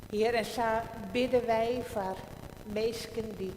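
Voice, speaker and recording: Woman pastor in cathedral-like echo. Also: a little high. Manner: calm, measured liturgical speech. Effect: cathedral-like echo with long reverb. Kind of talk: church service liturgy and prayer. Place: large church. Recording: echoey church livestream, audible room noise.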